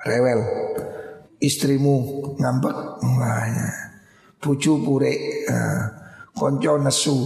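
Slow gravelly East Javanese cleric, echoey hall. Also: male voice, a little high, darkish tone. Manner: folksy, joking, mixes Javanese into Indonesian. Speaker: Islamic cleric teaching a hadith book. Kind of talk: pesantren kitab study sermon.

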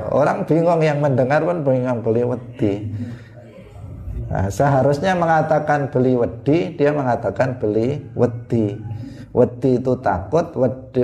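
A man teaching a religious study lesson, explaining patiently with repeated examples and slowing to spell out Arabic sounds. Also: medium pitch, vocal fry, warm tone. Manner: slows down to spell out Arabic pronunciations. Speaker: Islamic teacher.

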